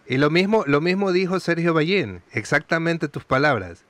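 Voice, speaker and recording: A man, hosting a casual interview in a relaxed, slangy way and asking friendly questions. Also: fairly high pitch, normal speed, dry recording. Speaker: host.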